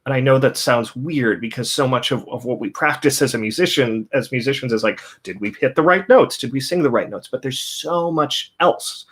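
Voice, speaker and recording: A man's voice: medium pitch, normal speed, hardly any pauses, a bit bright, husky. Thoughtful man searching for his words. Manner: thoughtful, many fillers and restarts. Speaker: composer. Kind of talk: interview conversation.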